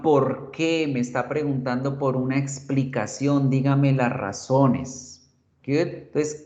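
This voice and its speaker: A male teacher explaining grammar slowly and patiently to his class in an online lesson. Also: mid-range voice. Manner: slow, explanatory, addresses students as chicos. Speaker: English teacher. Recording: echoey, muffled lo-fi recording.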